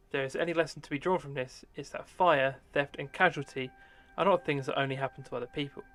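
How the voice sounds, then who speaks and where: A man's voice: on the high side, fairly even intonation, fast, a bit bright. A sardonic, sweary man giving casual live commentary on a game. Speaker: live streamer. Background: game music.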